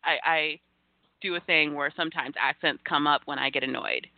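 A woman co-hosting a casual wrestling podcast, animated and sassy, acting out fan reactions. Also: low-pitched, moderate pace, no room sound. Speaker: podcast co-host. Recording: thin phone-like line.

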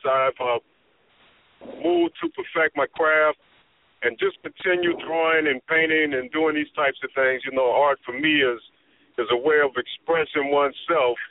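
A middle-aged man calling in on speakerphone as a guest artist, giving steady, encouraging advice. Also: on the high side, moderate pace, a little hiss or hum. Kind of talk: phone-in interview. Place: in a vehicle on the road. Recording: tinny speakerphone line.

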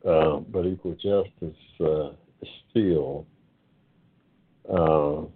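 An older man in his seventies hosts an online forum in a loose, unhurried monologue. His voice sits low, and he takes his time, pausing and stretching his words as he reflects. The sound is thin and boxy, like a phone call. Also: breathy edge. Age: 70s. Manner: unhurried and reflective, with many pauses and drawn-out words. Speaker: host of an online talk forum. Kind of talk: casual monologue. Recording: tinny phone-line sound.

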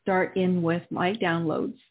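A woman hosting a guided spiritual healing session, speaking in a calming, instructional way with pauses, in a husky voice. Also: fairly low pitch. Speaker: host and healer. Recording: narrow, tinny phone-line audio.

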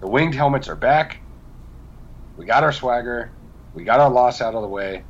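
A man's voice: medium pitch, expressive, moderate pace, dull audio. A man co-hosting a casual sports podcast, bantering and joking in an upbeat way. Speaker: podcast co-host.

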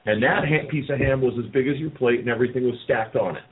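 A man's voice: medium pitch, fast. A man hosting a casual chat, telling nostalgic stories and slipping into impressions. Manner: nostalgic storyteller, does voices. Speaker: host. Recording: tinny phone-like sound.

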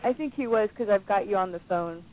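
A woman calling in to a radio show over the phone, giving short, soft replies. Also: mid-range voice, brisk. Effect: heard over a phone line. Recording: tinny phone line.

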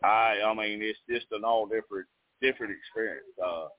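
A man's voice: fairly low pitch, fairly even intonation, brisk, no room sound. A man chatting casually and in a folksy, easygoing way as a race fan interviewed over the phone. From Nashville area, United States. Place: outdoors in a campground pool beside a racetrack. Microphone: phone call. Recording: narrowband phone-like call, dry.

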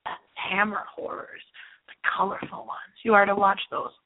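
A middle-aged woman hosts a late-night horror movie radio show, rambling theatrically and repeating her phrases. Her mid-range voice is gravelly and flat at normal speed, and the sound is thin and phone-like.

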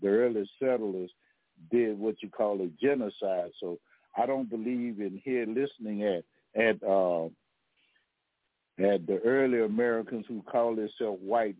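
Halting man lecturing over a phone line. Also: fairly low pitch, dry recording. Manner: rambling, halting, many uhs and restarts. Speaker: podcast host. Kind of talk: talk radio lecture. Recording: tinny phone line, dry.

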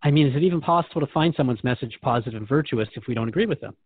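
This male radio host has a mid-range, slightly rough voice and talks at a racing pace. Engaged and thoughtful, he poses questions and restates what his guest says, heard through a dry, thin, phone-like sound.

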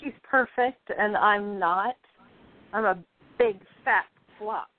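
In a radio play, a woman with a medium-pitched voice, lightly acted, slowly portrays a depressed, envious and defensive actress nearing thirty. The mood is gloomy and sardonic, and the audio sounds thin, like a phone.

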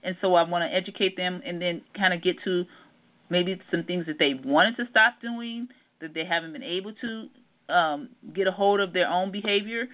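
A woman's voice: on the low side, moderate pace. Woman over a tinny phone line. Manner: earnest, with many ums and repeated words. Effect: heard over a phone line. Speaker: family therapist calling in as guest. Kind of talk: casual radio call-in interview.

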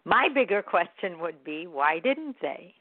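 Woman, encouraging self-help talk, gentle and reflective, tinny phone-like sound, dry. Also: fairly low pitch, sing-song, unhurried, no room sound.

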